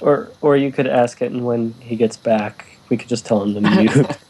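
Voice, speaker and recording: A man's voice: medium pitch, fairly even intonation, moderate pace, a little mellow, low-quality recording. A laid-back man, a musician, chatting casually and chuckling often. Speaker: musician guest. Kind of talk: casual group chat.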